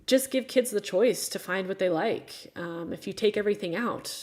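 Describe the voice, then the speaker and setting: A woman in her thirties from the United States hosts a relaxed live chat with her viewers. She speaks frankly and plainly. Her tone turns exasperated at times, with dry sarcastic asides. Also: medium pitch, normal speed. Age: 30s. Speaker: livestream host.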